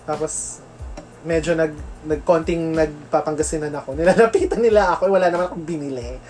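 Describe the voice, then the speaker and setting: A woman from the Philippines in casual chat as co-host, chatty and quick to laugh, mixing English into her talk. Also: low voice, a little mellow. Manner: chatty, laughs often, mixes English into Tagalog. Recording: music playing behind.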